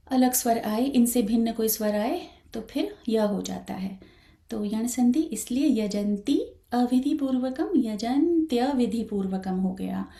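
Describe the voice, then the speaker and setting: Woman chanting teacher, unhurried, careful with every letter, warm high voice. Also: gravelly. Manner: slow, careful explanation with frequent hesitations; switches between talk and slow sung chanting. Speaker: Sanskrit recitation teacher. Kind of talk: online chanting lesson.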